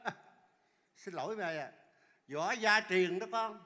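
Guy doing a loud show-off country man, high bright voice, echoey hall. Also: a little slow. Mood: bantering. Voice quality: loud, excitable, bragging. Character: boastful country man visiting the city, loud and cocky. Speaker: comedian. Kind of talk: stage comedy sketch.

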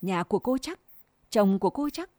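A furious village wife spits scorn and insults at her rival, as a woman reads her lines. The voice is warm and mellow, recorded close and dry with no room sound. Her scolding stays biting and relentless. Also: mid-range voice, very animated, normal speed, dry recording, lightly acted. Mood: scornful. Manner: sharp, scornful berating.

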